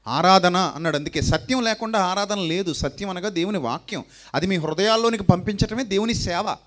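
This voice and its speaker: A man's voice: high voice, fairly bright tone. A man preaching a sermon, who asks rhetorical questions and repeats his lines for emphasis.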